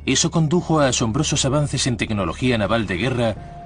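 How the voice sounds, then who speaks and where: Guy doing documentary voice-over, measured and formal, mid pitch, studio mic. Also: expressive, soft background music. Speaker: documentary narrator.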